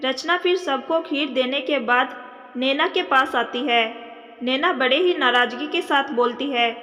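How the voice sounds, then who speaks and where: A woman narrating a family drama story in a steady storytelling manner. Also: high-pitched, unhurried. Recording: long reverb.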